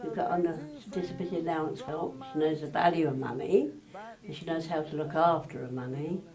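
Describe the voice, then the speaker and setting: A woman's voice: sits low, a little fast, a little mellow. A woman being interviewed, speaking plainly and proudly about her daughter. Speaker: parent interviewee.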